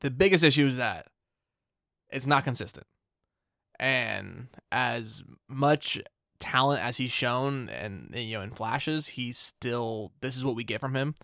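A man's voice: medium pitch, expressive, unhurried, creaky, a bit bright, no echo, studio quality. A man co-hosting a fantasy football podcast, thinking aloud with restarts and filler words. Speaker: podcast co-host. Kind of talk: casual fantasy football chat.

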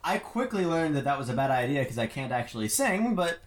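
A voice actor guest on a fan panel, speaking in lively swoops of pitch and dropping crude wisecracks. Casual, loose and profane. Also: brisk.

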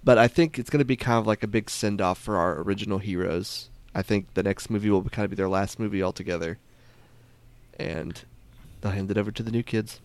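A man's voice: on the low side, brisk, clean tone, no echo. A man musing about movie theories in a casual chat, thoughtful and hedging.

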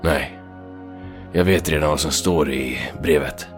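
A man's voice: a bass voice, soft background music. An actor playing a brash, foul-mouthed male hero in a video game, boastful, profane and given to talking to himself. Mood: low, tender.

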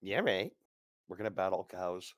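A man's voice: deep voice, lively intonation, normal speed, fairly bright tone. A man playing a tabletop game, reacting in casual, joking and incredulous banter. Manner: incredulous, jokey. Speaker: player.

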